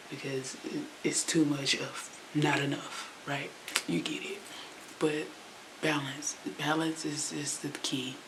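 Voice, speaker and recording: A reaction channel host giving casual, chatty commentary with slang and fillers. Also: mid-range voice. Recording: hissy recording.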